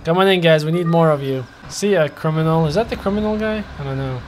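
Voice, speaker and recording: A man giving casual gameplay commentary, excitable and chatty with the characters in his game. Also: on the high side, fast talker, slight background noise. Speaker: gaming YouTuber.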